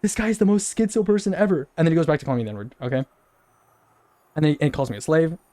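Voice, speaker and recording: A man's voice: fairly high pitch, big pitch swings, very fast, dark tone, no room sound. A young man telling a long story, rambling and repeating himself with incredulous laughs. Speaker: streamer. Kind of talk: casual storytelling rant.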